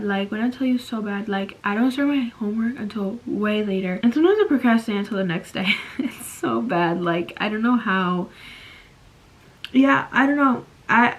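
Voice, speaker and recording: A teenage girl in casual vlog chat, talking fast and filling her talk with "like", giving advice to viewers from her phone. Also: mid-range voice, low-quality recording. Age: teens. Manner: chatty, fast, lots of "like" fillers. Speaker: vlogger. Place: bedroom at night. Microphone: phone at arm's length.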